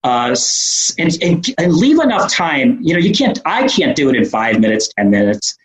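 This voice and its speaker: A man's voice: on the high side, big pitch swings, normal speed. New York man, echoey room. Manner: rambling, frequent fillers and restarts. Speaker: podcast guest, entrepreneur. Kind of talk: casual interview conversation.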